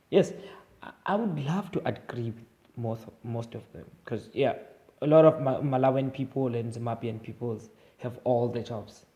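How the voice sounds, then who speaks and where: A man's voice: medium pitch, gravelly, dark tone. A young South African man with an Eastern Cape accent, giving his opinions in a casual, rambling vlog monologue full of fillers and restarts. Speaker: vlogger.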